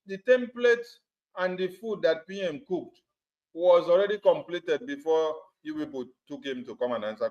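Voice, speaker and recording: A high-voiced man hammers home his points to supporters, emphatic and repetitive, in a political address on a group call. The sound comes from a phone or computer and has the dull, lo-fi quality of a conference call line.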